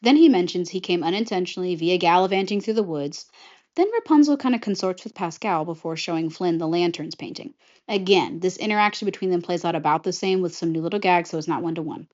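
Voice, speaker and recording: Animated woman pitching a movie idea. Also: quick pace. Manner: animated, chatty, jumps into character voices. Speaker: vlogger pitching a film idea. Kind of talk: casual retelling of a movie pitch. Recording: slightly muffled lo-fi audio.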